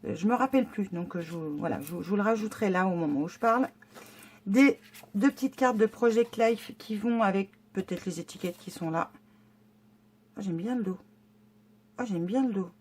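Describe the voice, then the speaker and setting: A woman's voice: mid-range voice, normal speed, a little mellow, slightly rough. A woman chatting casually as she unboxes a monthly scrapbooking box, enthusiastic and hesitant, with many fillers and restarts. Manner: enthusiastic about the items. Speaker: scrapbooking vlogger.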